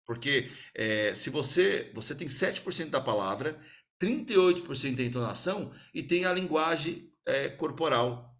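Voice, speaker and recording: Energetic Brazilian sales speaker, higher voice. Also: male voice, moderate pace. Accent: Brazilian Portuguese. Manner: energetic, uses acted-out customer dialogue. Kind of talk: sales talk to a small group.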